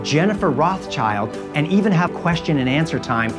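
A man reading a radio ad in a warm, persuasive way. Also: a little high, animated, moderate pace, over music. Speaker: event promoter in a radio ad. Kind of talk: radio ad read.

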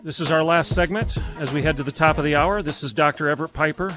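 A man's voice: on the high side, quick pace, loud music behind the voice, low-quality recording. A man hosting a call-in radio show, speaking in a fervent, preacherly way. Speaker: guest radio host.

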